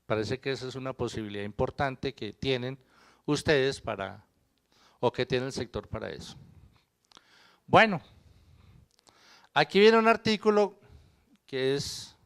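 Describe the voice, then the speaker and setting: A man's voice: mid-range voice, vocal fry, fairly bright tone. Man lecturing a seminar crowd. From Colombia. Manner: conversational lecturing, quizzes the audience, jokes. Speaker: accountant presenting to a seminar. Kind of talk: live seminar presentation.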